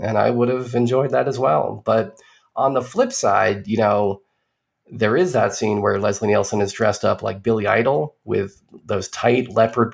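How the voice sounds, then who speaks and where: A man's voice: mid-range voice, vocal fry. A man co-hosting a podcast, giving a casual movie review in a rambling way with dry, sardonic asides.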